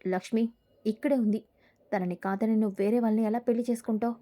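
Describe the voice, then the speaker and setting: A woman's voice: fairly high pitch, fairly even intonation, fast, dark tone, natural voice. A woman reading the lines of a determined, confrontational young man while recapping a serial episode. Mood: firm.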